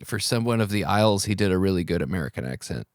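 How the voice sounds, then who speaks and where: A man's voice: low-pitched, animated, quick pace, dry recording. A man co-hosting a movie podcast in casual chat, wry and jokey, often answering in short asides. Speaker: podcast co-host. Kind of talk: casual film review chat.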